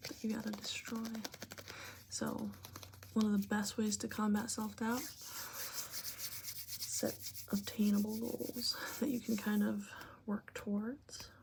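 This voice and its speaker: A woman giving a breathy, whispered and very soft-spoken ASMR pep talk, speaking informally and gently to the listener. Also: mid-range voice, noisy background. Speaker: ASMR creator giving advice.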